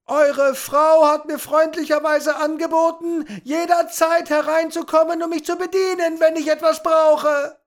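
A man voicing a cheeky young male thief with a high, strained voice that turns to panicked shouts. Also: unhurried. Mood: panicked shouting.

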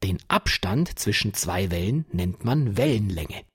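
A man playing an enthusiastic old professor, husky. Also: fairly low pitch, a little slow, no echo, studio quality, full character voice. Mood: explaining. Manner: patient explaining, lively delight.

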